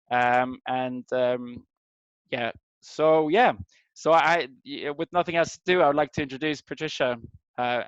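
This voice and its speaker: A middle-aged Swedish man with a medium-pitched voice informally hosts an online community meeting, welcoming and introducing people on a video call while searching for his words. His video call microphone gives a dry, dull, lo-fi sound.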